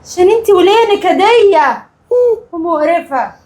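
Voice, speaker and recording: A woman's voice: very high voice, animated, moderate pace, darkish tone, voice pushed up. A woman playing a scheming young wife who taunts and threatens her mother-in-law in a home-made skit drama. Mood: menacing.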